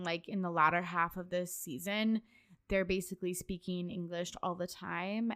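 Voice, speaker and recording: A woman's voice: mid-range voice, clear, resonant tone. A woman in her twenties hosting a casual solo podcast, chatty and loose, with lots of fillers and sudden laughs. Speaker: podcast host.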